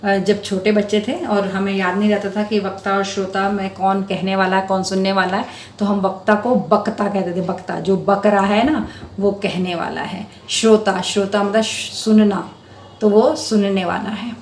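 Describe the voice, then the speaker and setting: A woman's voice: medium pitch, steady tone, normal speed, roomy sound, slight background noise. A woman teacher patiently explaining a school Hindi lesson to children, step by step. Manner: addresses students affectionately as beta.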